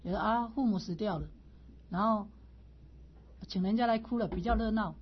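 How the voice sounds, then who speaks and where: A middle-aged woman teaching as a Buddhist lecturer, telling a family story with lively asides, laughter and frequent questions to her listeners. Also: mid-range voice, moderate pace, slightly rough. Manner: animated, asks listeners "是不是", laughs through anecdotes. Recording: dull lo-fi recording.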